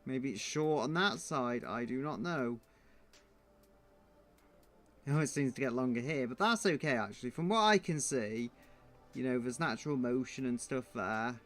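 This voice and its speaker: A man's voice: mid-range voice, moderate pace, long pauses, a bit bright, soft background music. A man streaming his drawing, thinking aloud in a muttering, self-deprecating way.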